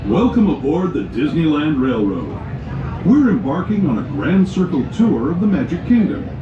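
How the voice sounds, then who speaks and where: A man giving upbeat scripted tour narration, played over a train PA loudspeaker. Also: a little high, sing-song, moderate pace. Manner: upbeat, playful storytelling. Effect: prerecorded narration over a train PA loudspeaker. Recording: echoey, distant, muffled PA with noise.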